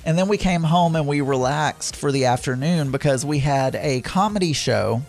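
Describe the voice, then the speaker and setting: This podcast host, a man with a Southern US accent, tells a wandering, chatty story about his week, often stopping to fix what he said or fill gaps. His voice is slightly higher than the typical man's and carries vocal fry, while soft music plays faintly underneath.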